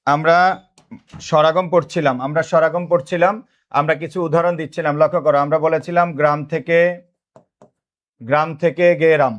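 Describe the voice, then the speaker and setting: Fast and a little high, with little pitch movement, the Bangladeshi-accented teacher runs his live online grammar lesson. He repeats the same questions again and again to drill students, referring to himself as their big brother.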